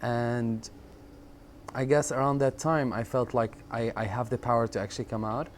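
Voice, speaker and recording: A man in his thirties from Syria, telling his life story in an interview, reflective and halting, often repeating words and pausing on fillers. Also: medium pitch, fairly even intonation. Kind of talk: personal storytelling in conversation. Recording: faint background noise.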